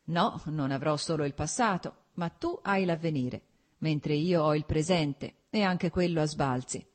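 A woman's voice: low voice, a little slow. A woman voicing a genial, worldly nobleman who talks in a jovial, teasing way.

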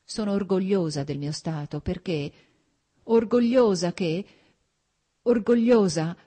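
A woman's voice: on the low side, animated, normal speed, dark tone. A woman reading aloud, voicing a distraught young noblewoman who speaks in a trembling, tearful, pleading way. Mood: anguished. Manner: trembling, pleading, close to tears.

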